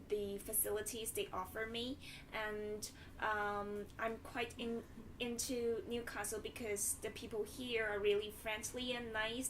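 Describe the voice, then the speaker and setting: Young woman from china, soft and hesitant, sounds far off from the mic, noisy background. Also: mid-range voice. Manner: soft-spoken, hesitant with many ums. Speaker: postgraduate student. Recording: distant mic with background noise.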